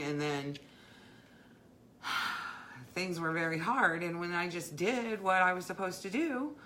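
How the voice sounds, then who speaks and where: Middle-aged woman, low and bright voice, rambling heartfelt craft-livestream host. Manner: heartfelt, rambling, many fillers and restarts. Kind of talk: casual live-stream chat.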